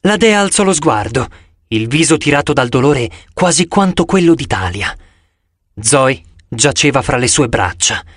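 A man narrating an audiobook in the first person with a dramatic, expressive reading. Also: mid-range voice, normal speed, no room sound, studio quality.

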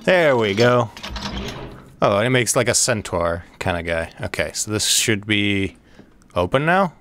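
A man giving let's play commentary on a horror game, swearing a lot, rambling and breaking into excited outbursts. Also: lowish voice, unhurried, noisy background. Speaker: gaming video host.

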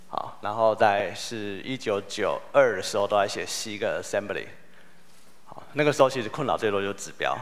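A man's voice: on the low side, a bit bright. A man, giving a humorous, story-driven conference keynote. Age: 40s. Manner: humorous, storytelling, self-deprecating. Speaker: keynote speaker. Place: conference hall.

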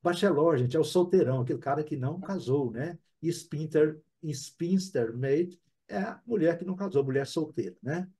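A man with a Brazilian Portuguese accent teaching a live online English class, chatty and often adding quick tag questions. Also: fairly high pitch, warm tone, husky.

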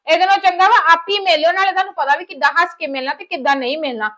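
A woman plays a bitter daughter-in-law, complaining at length in a very high, piercing voice. She sounds resentful and sharp, a village family drama figure airing old grievances. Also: very fast.

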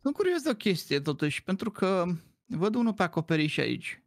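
A man co-hosting a casual gaming session, animated and joking as he points things out in the game. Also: sits high, no echo, studio quality. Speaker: gaming co-host. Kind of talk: casual gameplay chat.

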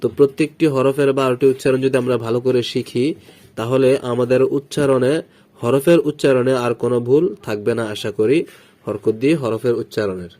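A man teaching Quran letter pronunciation in a step-by-step lesson, slowly and patiently drilling syllables with repetition. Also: mid-range voice, fairly even intonation, dark tone. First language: Bengali.

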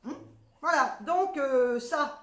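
A high, fairly bright female voice speaks slowly, with a southern French accent, as a vlogger chats through her grocery haul. She's frank and cheeky, swearing freely in this casual haul talk, recorded in an echoey room.

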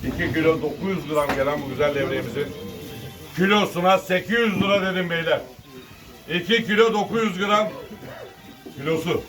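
A man with a high-pitched voice speaks fairly quickly over music as a fish auctioneer, calling out weights and prices in repeated sing-song bids. The mic is distant, and the noisy market is filled with cooing birds.

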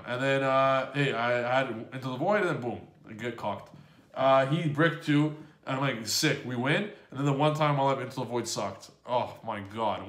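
Excitable swearing man recapping a match. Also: mid-range voice, echoey room. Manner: excitable, swears freely, quotes himself. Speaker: gaming channel host. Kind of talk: casual match commentary.

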